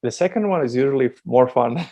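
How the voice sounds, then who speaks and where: A Latvian dating coach appears as a podcast guest, chatting casually, laughing often and restarting many times. His medium-pitched, dark-toned voice is animated and a little fast. The audio is dull.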